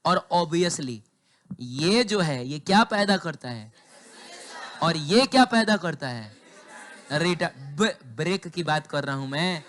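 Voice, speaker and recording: A man with a fairly high voice lectures a physics class. His throat is sore. He keeps quizzing the students, answers his own questions and teases them as he goes. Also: expressive, slow, a bit bright, a faint crowd. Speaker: physics teacher.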